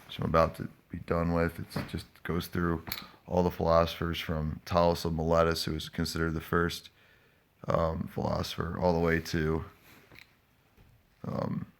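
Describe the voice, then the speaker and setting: A man chatting casually to live viewers in a stoned, hazy, halting, rambling manner. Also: deep voice, completely flat delivery. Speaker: live-streaming vlogger.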